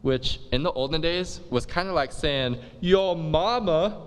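A man delivers a comic monologue in relaxed dude slang, peppering it with "like". His voice sits at an ordinary middle pitch. A long reverb follows his words, as in a big hall. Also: normal speed, clean tone. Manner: laid-back slangy dude talk with many "like"s. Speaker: comic performer. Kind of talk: comic monologue retelling a play.

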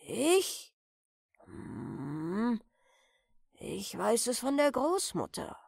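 A kindly old grandfather from a bedtime storybook, as a woman reader puts him on, talking slowly and thoughtfully in a dropped, gravelly voice. He lingers over each phrase with a soft, dry closeness. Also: very animated, dry recording, heavily acted. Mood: musing. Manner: slow, low, musing storyteller voice. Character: gentle old grandfather, a retired sea pilot.

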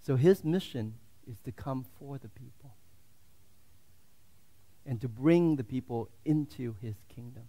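A male pastor delivers his sermon a little slowly, with long pauses and a medium pitch, alternating between fervent, loud proclamations and soft, hushed asides.

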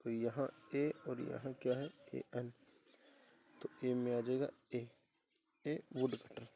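A man's voice: mid-range voice, dark tone, slight background noise. A male teacher going through an exam paper, repeating questions back to his students and spelling words out letter by letter. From India.

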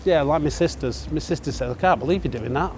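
An older man, a volunteer being interviewed outdoors, talking in a plain, soft-spoken way. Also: fairly high pitch, fast talker, soft background music. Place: outdoors, garden. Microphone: lapel.

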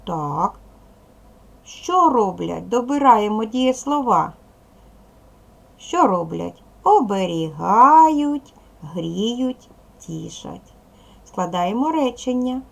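A woman teaching a video language lesson to young children, patient and slow, asking questions and waiting for answers. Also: medium pitch, very animated, vocal fry. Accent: Ukrainian. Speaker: primary school teacher.

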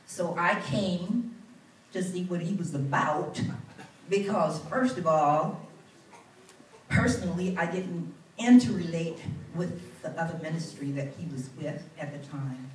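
A woman's voice: lowish voice, animated, a little slow, a little mellow, a little hiss or hum. An older woman minister giving a heartfelt testimony at a church pulpit on a handheld mic, earnest and rising into fervent bursts. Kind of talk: testimony speech. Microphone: handheld mic, far camera. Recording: roomy church sound from far off.

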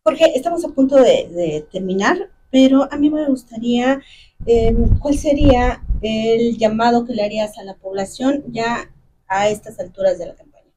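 A woman's voice: fairly high pitch, moderate pace, mellow, a little hiss or hum, rough recording. A woman with a Mexican accent, a radio co-host politely asking a closing question, a little off-mic in the studio.

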